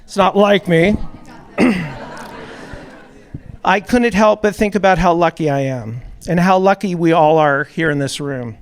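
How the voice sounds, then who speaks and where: A man's voice: high-pitched, smooth. A man hosting a town hall, delivering a prepared opening speech a little nervously to an audience in a hall. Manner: a little nervous, reads measured remarks. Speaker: event host, music producer.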